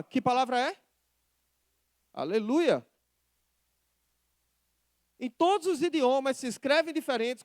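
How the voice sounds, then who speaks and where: A male pastor with a Brazilian Portuguese accent, preaching a sermon in a lively, conversational way and putting questions to the congregation. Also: high voice, no room sound, studio quality.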